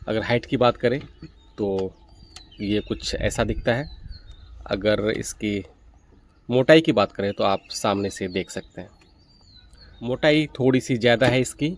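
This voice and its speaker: A man with a lowish voice hosts a gadget review video, speaking a little slowly with long pauses. He walks through the product methodically, explaining each step.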